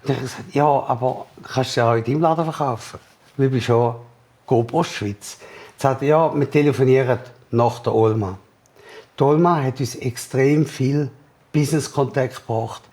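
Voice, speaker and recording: A young man speaks with a Swiss German accent in a middle register as he tells a story in an interview. He is lively and quick to act out what others said to him. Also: medium pitch. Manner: lively, acts out the other people's lines in quoted dialogue. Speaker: entrepreneur interviewee.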